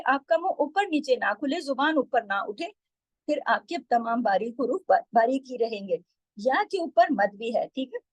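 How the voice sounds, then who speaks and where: A woman teaching tajweed, explaining patiently and drawing out syllables slowly when she demonstrates. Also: high-pitched, dry recording, rough recording. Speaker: Quran recitation teacher.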